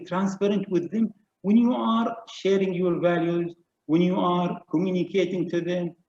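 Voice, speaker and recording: A man with a high but mellow voice makes his case earnestly and repeats key phrases for emphasis. The sound is roomy and dull, with a lo-fi quality. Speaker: panelist. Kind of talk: panel discussion remarks.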